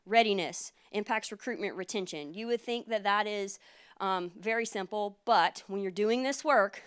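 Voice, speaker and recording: Military lawyer lady presenting at a conference, kinda hoarse, smooth clear voice, lots of ums. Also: medium pitch, fairly bright tone. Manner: earnest, explanatory, many fillers. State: losing her voice.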